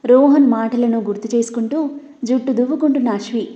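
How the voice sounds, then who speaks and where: A woman reading a scripted family drama story with steady, dramatic narration. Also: on the high side, brisk. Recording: roomy, dull lo-fi.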